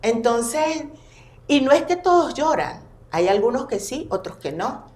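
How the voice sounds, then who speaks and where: A woman's voice: high-pitched, unhurried. A woman, a therapist talking animatedly as a podcast guest. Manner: expressive, animated storytelling. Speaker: family constellations therapist, guest. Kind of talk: casual podcast conversation. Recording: roomy echo.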